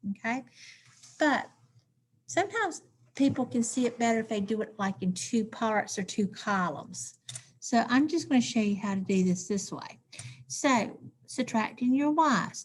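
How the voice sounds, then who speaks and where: A woman's voice: on the high side, darkish tone. A woman teacher, walking through math steps aloud in a recorded lesson and checking in with "okay?".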